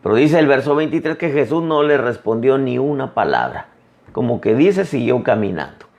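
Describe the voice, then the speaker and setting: Gravelly preacher man with a lively voice. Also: muffled recording. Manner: emphatic preaching, pitch swinging widely, dramatic pauses. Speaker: apostle preaching. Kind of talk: sermon.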